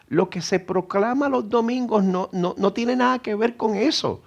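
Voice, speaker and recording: Preaching earnestly in a church sanctuary, a middle-aged man from Puerto Rico rises to emphatic exhortation. He speaks with a Puerto Rican Spanish accent in a high voice marked by vocal fry.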